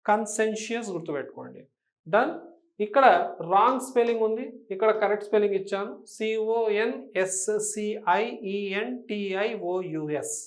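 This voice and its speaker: A man with a Telugu accent teaching English for an exam, explaining patiently and often checking that students follow. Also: sits high. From Telangana, India. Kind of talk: exam-prep lesson.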